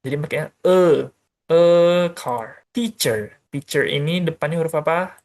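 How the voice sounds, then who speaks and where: A man's voice: fairly high pitch, a little slow, darkish tone. A male teacher giving a beginner grammar lesson, explaining step by step in a casual, chatty way and asking questions he answers himself. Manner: casual and chatty, uses many fillers. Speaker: English teacher.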